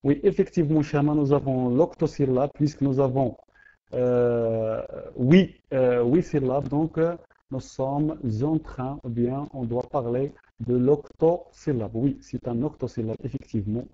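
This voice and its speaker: A man's voice: medium pitch, measured pace, mellow. A man teaching poetry in an online class, hesitant, often repeating words and saying euh. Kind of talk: online lesson. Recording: dull lo-fi audio.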